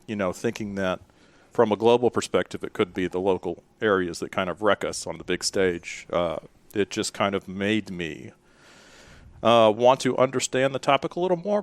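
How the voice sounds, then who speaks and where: A man from Memphis, Tennessee, speaking as an interview guest in a measured, thoughtful way. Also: sits low, no room sound. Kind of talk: professional interview talk.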